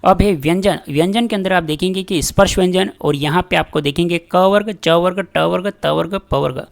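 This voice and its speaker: A man's voice: high-pitched, normal speed, creaky. A male teacher giving an exam prep grammar lesson, calling his viewers friends and reading out quiz questions with their answers.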